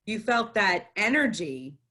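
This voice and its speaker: A woman's voice: medium pitch, sing-song, measured pace, pushed and bright. A woman co-hosting a casual spiritual conversation, guiding and prompting her partner. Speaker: podcast co-host, former therapist trainee.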